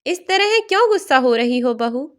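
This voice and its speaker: A woman voicing a hurt, gentle older mother-in-law in a storybook tale, speaking in a pleading way. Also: sits high, sing-song, moderate pace.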